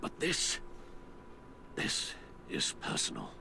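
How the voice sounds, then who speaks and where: An older actor playing an elderly loyal confidant in a video game drama, grave and mournful with a gravelly voice. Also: male voice, slow pace, bright, forceful tone. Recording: game audio with clear background noise.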